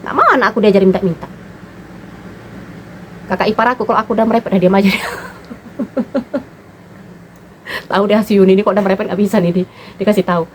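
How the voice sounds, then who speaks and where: Woman, thirties, blunt and animated, casual vlog monologue. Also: medium pitch, fast, pauses often, a little hiss or hum, poor audio. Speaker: mother and vlogger. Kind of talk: casual monologue giving parenting opinions.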